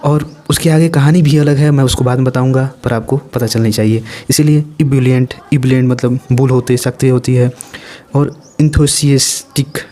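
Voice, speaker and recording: A man giving a casual exam-prep vocabulary lesson, talking in a lively, playful way with chatty asides. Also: mid-range voice, normal speed. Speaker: vocabulary teacher.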